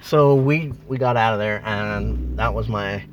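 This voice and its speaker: A man's voice: lowish voice, measured pace, a loud crowd. A man casually telling ghost-hunting stories, rambling with many ums and likes, recorded in a parked car. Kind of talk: casual ghost story chat.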